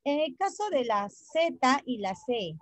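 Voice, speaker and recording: In a high, sing-song voice with no room sound, a woman teaches English online. She goes slowly and carefully, giving every point in English and again in Spanish, and spells letters out one at a time.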